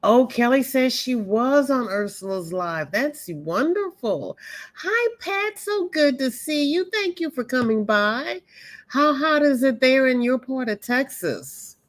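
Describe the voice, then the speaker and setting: Her voice is high and expressive, and she takes her time as she hosts a crochet livestream, casually greeting viewers by name when their comments come in. She's hoping her possibly weak voice lasts.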